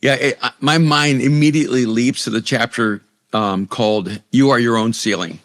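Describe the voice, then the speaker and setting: In a conversational interview, the guest is a middle-aged author and pastor from El Salvador whose native language is Spanish. He speaks earnestly with a medium pitch at a moderate pace, repeatedly restarting his sentences and repeating words.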